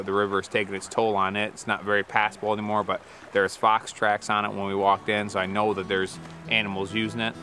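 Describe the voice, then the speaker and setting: A young man in snowy woods giving a relaxed, practical explanation on camera, with frequent fillers. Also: fairly low pitch, a little hiss or hum. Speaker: outdoor show presenter.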